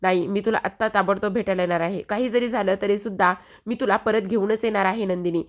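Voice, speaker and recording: A woman voicing an excited young husband determined to bring his wife back home. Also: medium pitch, fast, lightly acted. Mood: eager. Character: lovesick young man eager to fetch his wife.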